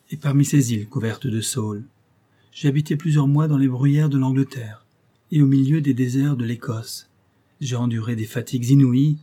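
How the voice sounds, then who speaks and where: A man's voice: medium pitch, dark tone, slightly rough, lightly acted. A man voicing a wretched, vengeful male creature, reproachful and menacing, in an audiobook reading.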